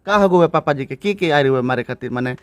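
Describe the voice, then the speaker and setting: A man's voice: fairly high pitch, animated, fairly quick, no room sound. Bhojpuri-accented male field reporter. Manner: soft, consoling with the children, urgent when questioning. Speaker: local news reporter. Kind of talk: on-the-spot field report and interviews.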